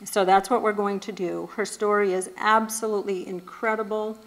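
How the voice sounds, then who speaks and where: A woman talks at an ordinary middle pitch to a church group. Her delivery is casual and conversational, with frequent fillers and restarts. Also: level tone, normal speed, low-quality recording. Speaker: speaker at a church event.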